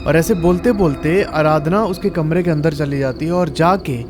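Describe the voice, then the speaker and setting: A man's voice: fairly high pitch, moderate pace. Chatty male storyteller. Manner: chatty, addresses listeners as friends. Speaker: horror story narrator. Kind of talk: casual storytelling narration.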